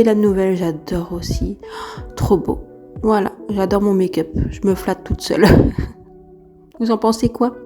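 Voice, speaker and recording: A woman vlogger chats enthusiastically through a product review in a soft-edged, mellow voice. It is unsteady and tends to give out, as after a bad cold. Faint music plays behind her. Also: mid-range voice. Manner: chatty, enthusiastic, repetitive emphasis. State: recovering from a heavy cold, voice unsteady and giving out. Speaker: beauty vlogger. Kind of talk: casual product review to camera.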